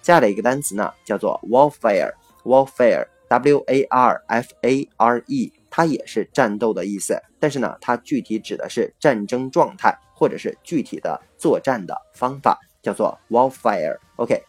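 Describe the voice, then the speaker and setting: A man explaining English vocabulary in a lesson, spelling words out letter by letter and often adding a drawn-out "啊" to his phrases. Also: mid-range voice, animated, slightly rough, no room sound, soft background music.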